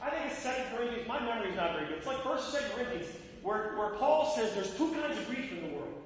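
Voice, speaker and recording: A man's voice: very high voice, lively intonation, fast talker, slight background noise. A man preaching a sermon, calling out to his listeners and breaking into short sung lines. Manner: preaching with sung snatches and call-outs to listeners. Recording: echoey hall from far off.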